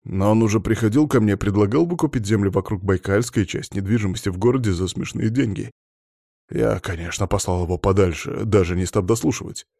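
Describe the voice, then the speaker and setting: A man's voice: fairly low pitch, fairly quick, vocal fry, mellow, no echo, studio quality. A man voicing a nervous, spineless middle-aged male nobleman who mumbles defensively. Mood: defensive pleading.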